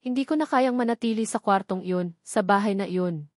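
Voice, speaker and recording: A woman tells a first-person audiobook story, mixing languages and lingering on each hurt. Her voice sits at a middle pitch. The sound is dry and close, with no room around it. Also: normal speed, a little mellow, dry recording. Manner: emotional, dwelling on hurt.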